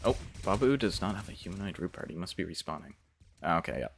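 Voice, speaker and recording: A game developer in his twenties streams live, reading chat questions aloud and answering with slangy, profane banter, swearing and laughing often. His deep, gravelly voice is animated and fast, with soft music in the background.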